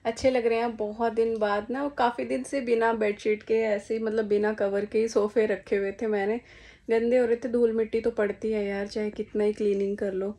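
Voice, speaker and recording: A woman's voice: on the high side, level tone, normal speed, mellow. A young woman vlogging from her home in a chatty, casual way, talking straight to her viewers. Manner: chatty, addresses viewers as guys, talks sweetly to her small son. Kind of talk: casual chat to camera. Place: at home indoors.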